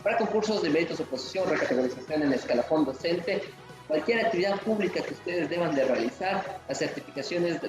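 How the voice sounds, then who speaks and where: Male host, slightly high voice, roomy echo with faint music under him. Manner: effusive, promotional, reads audience comments. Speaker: event host. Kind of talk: webinar hosting and promotion. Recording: echoey room with faint music.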